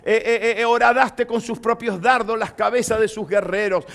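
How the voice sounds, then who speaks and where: High-voiced preaching man. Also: normal speed, creaky. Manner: lively preaching, rising to loud proclamation when reading scripture; asks the congregation questions. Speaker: pastor. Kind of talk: sermon.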